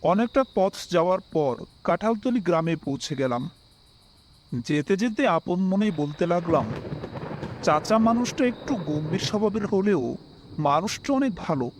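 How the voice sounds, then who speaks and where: A young man narrates a horror story as its first-person main character, his voice high for a man and full of melody. He reads like a scripted, expressive storyteller, sometimes shifting into polite dialogue. The pace is a little slow and the recording is rough.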